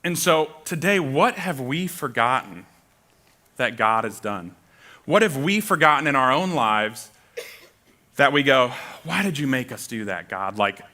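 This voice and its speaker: Bright-voiced man preaching a sermon. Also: medium pitch. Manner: emphatic preaching, voicing complaints in quotes. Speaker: pastor.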